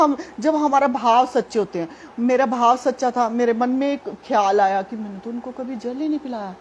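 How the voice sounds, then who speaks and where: A woman's voice: on the high side, darkish tone, slight background noise. A woman gives a devotional testimony, telling her story earnestly and speaking directly to her listeners. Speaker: devotee sharing a personal testimony.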